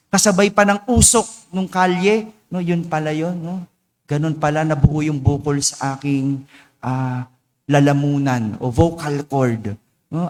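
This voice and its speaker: A Filipino priest giving a conversational sermon, with a slightly hoarse voice after vocal cord surgery, often checking in with his listeners. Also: sits high. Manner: conversational, keeps asking "no?" and "di ba?". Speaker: parish priest. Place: large church. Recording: long reverb of a church hall.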